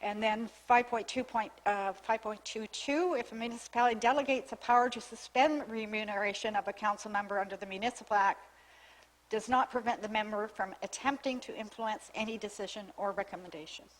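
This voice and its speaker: This woman works for the town and is presenting new legislation to the council in its chamber. Her mid-range voice moves a little fast, and she's losing it, with frequent coughs interrupting her formal, methodical reading of clauses and their small restarts. The recording is low-quality.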